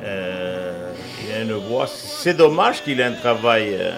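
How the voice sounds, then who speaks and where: A man's voice: lowish voice, expressive, takes it slowly, creaky, music in the background. A man co-hosting a radio show, speaking to the listeners in an appreciative way. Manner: warm praise addressed to listeners. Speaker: radio co-host. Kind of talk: chatty radio talk.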